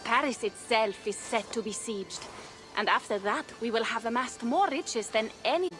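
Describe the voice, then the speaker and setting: Over soft background music, a woman voices a bold, persuasive Norse warrior in a dramatic video game, declaring her lines in formal, archaic phrasing with an earnest, grave mood. Her pitch is fairly high and her tone fairly bright, at a normal speed and close to an everyday voice.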